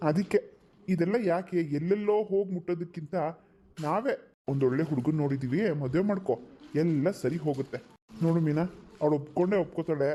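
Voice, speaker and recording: Give me a man playing a stern elder brother in a cartoon, warm-toned and lecturing. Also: high voice. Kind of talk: cartoon voice acting.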